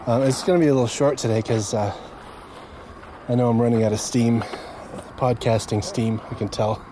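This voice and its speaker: A man's voice: mid-range voice, fairly even intonation, moderate pace. A man hosting a casual solo podcast, chatting in a hesitant, meandering way. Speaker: podcast host. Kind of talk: casual rambling solo chat. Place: inside a car. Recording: loud car and road noise.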